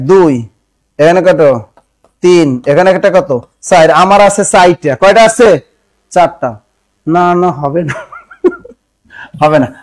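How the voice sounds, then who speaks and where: Male classroom teacher from Bangladesh, high voice, dry close sound, drills students with repeated questions. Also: dry recording, rough recording. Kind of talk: classroom exam-prep lesson.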